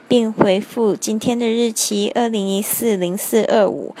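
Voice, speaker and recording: A woman with a Taiwanese Mandarin accent teaching English pronunciation, repeating each word slowly and carefully. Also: medium pitch, rough recording. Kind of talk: language lesson.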